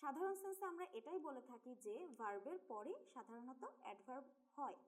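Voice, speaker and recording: A young woman with a high, light voice teaches English grammar in a Bangladeshi Bengali accent. She explains each point step by step and talks straight to her students. She drops English grammar terms into her Bengali as she goes. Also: lively intonation, normal speed. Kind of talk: explanatory online lesson.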